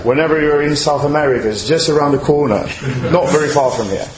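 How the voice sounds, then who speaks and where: A rabbi with a voice on the high side talks quickly over crowd noise, teaching religious law emphatically and questioningly to a live audience. An immigrant now based in Chile, he is recorded in an echoey room with faint background noise and clicks.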